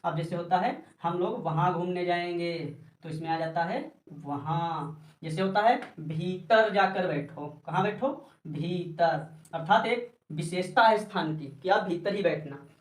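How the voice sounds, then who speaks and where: A man's voice: sits high, a little slow. A man teaching a grammar lesson, asking questions and answering them himself, and calling his students child and brother. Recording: echoey room, voice far from mic.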